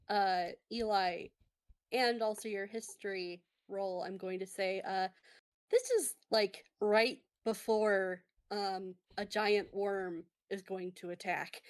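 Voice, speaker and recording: A woman narrating a tabletop game as game master, halting and full of fillers, laughing often. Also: medium pitch, clean tone.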